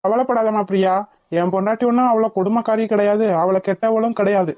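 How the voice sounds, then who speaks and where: A woman's voice: medium pitch, fairly even intonation, fast talker, a little mellow, no room sound, lightly acted. A woman voicing a kindly older father-in-law in a cartoon, who talks in a soothing, fatherly way. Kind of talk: cartoon voice acting.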